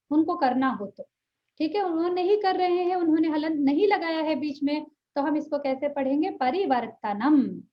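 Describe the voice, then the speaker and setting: A woman with a high voice gives an earnest online language lesson. She keeps checking in with her listeners and stretches syllables slowly to show the right pronunciation. The audio is dull and lo-fi. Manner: earnest, checks in often with "ठीक है", drawn-out pronunciation demonstrations. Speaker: Sanskrit teacher.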